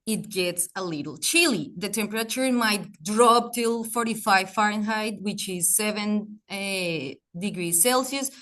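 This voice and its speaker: Young woman, bright clear tone, chatty workshop presenter, hunts for words. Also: mid-range voice, a little slow, hardly any pauses. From Colombia. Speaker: graduate peer mentor. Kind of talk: workshop presentation over video call.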